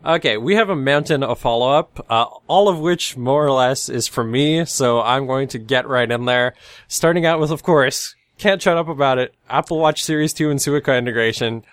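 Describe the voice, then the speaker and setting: A man's voice: mid-range voice, moderate pace, no room sound, studio quality. Nasal, congested man co-hosting a podcast. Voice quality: nasal, stuffy voice from a cold. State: congested from sneezing. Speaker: podcast co-host. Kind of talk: casual podcast talk.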